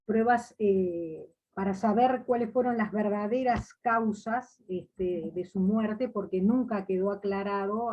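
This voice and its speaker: A woman poet from Uruguay, talking slowly with many pauses and fillers in a video call interview. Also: medium pitch, dark tone, muffled recording.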